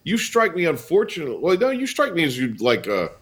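A man's voice: fairly high pitch, wildly swooping pitch, a little fast. An American man hosting a sports radio show in a casual, chatty, blunt and teasing way. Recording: studio broadcast, faint music behind. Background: music.

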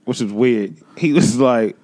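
A man co-hosting a casual podcast chat, relaxed and laughing a lot, swearing freely. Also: mid-range voice, measured pace. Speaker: podcast co-host.

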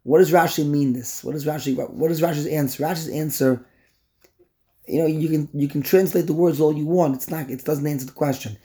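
A man, teaching a Torah lesson in an animated way, repeating words and acting out the characters. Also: on the high side, brisk. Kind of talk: lecture on a text.

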